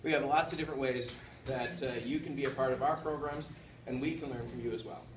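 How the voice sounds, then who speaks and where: A man's voice: medium pitch, fairly even intonation, fast talker. A man giving a playful, upbeat conference presentation and leading the audience along. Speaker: conference speaker. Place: conference hall. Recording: echoey hall, far from mic, background noise.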